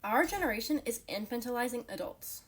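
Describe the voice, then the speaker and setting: A woman's voice: a little high, expressive, a little fast, husky. A young woman in her late teens, a mother who makes videos, giving a firm, matter-of-fact monologue to camera. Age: young adult. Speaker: young mother and content creator.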